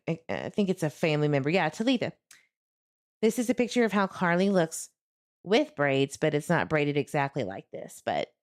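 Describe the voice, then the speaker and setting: A low-pitched woman hosts a true crime livestream, speaking straight to her viewers with casual, earnest commentary.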